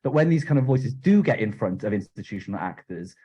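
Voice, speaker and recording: Guy commenting from the audience, dark husky voice, kinda far off and muffled. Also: fairly low pitch, lively intonation, brisk. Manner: thoughtful, searching for words with restarts. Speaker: audience member at a panel. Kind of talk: reflective comment from the floor. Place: conference room.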